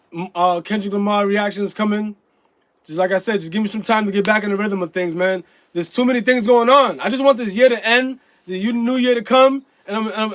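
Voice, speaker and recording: A YouTube vlogger with a stuffy nose and a very high-pitched voice chats casually to camera for his viewers. He rambles with lots of restarts and fillers, breaking into loud, emphatic yelling outbursts, and the recording has no echo.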